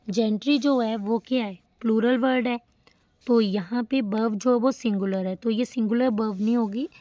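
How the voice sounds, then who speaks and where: A woman teaching a grammar lesson, reading English examples slowly before explaining them. Her voice sits a little high. The recording is dry and close, with no room echo. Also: dark tone, dull audio.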